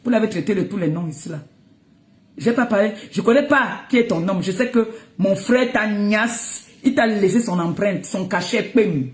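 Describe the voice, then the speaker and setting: A Cameroonian woman with a mid-range voice, speaking at normal speed in a reverberant space, delivers a heated live rant on social media. She scolds someone, mocks them, and keeps breaking into laughter.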